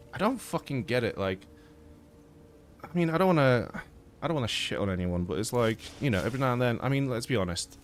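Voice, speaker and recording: A young man from Poland, streaming a game and chatting casually, rambling with lots of fillers and swearing, a little stuffy-nosed. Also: mid-range voice. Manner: rambling, swears a lot, many fillers and restarts. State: blocked nose. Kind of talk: casual live-stream chat while gaming.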